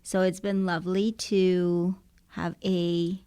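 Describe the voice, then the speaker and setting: Woman, 30s, from El Salvador, pastor, relaxed slow delivery, podcast chat. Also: lowish voice, smooth.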